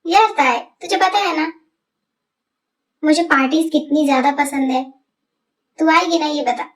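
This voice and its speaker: A woman's voice: sits high, unhurried. Woman voicing a cheerful college girl. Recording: distant voice over loud music.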